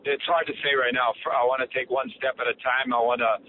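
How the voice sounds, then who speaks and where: Guy interpreting on a conference call, quick, even pitch, tinny phone sound. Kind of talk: consecutive interpreting on a press call. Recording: noisy, tinny phone line.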